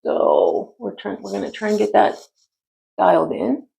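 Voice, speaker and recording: Chatty fifties woman, mid-pitched with a creaky edge, easygoing makeup-tutorial talk. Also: huge pitch swings, a little slow, mellow. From United States. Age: 50s. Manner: chatty, rambling, many ums. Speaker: beauty vlogger. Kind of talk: casual makeup tutorial chat.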